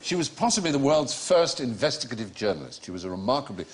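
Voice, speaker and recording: A man's voice: mid-range voice, sing-song, quick pace. A man hosting a comedy quiz panel show in a studio, explaining answers with a genial, storytelling manner. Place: studio with live audience.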